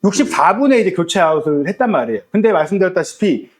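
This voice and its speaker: A man co-hosting a football analysis talk show, explaining tactics in a lively way and acting out what players say at halftime. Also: high voice, fast talker. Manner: animated, acts out locker-room quotes.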